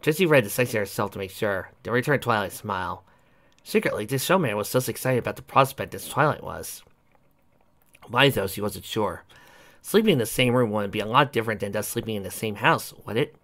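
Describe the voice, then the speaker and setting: Casting note: male narrator for a fan fiction audiobook, bright tone, lively pitch. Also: brisk.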